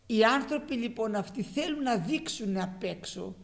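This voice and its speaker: A man preaching a sermon with passion, moving between loud emphatic lines and quiet asides, with a gravelly voice. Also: sits high, expressive.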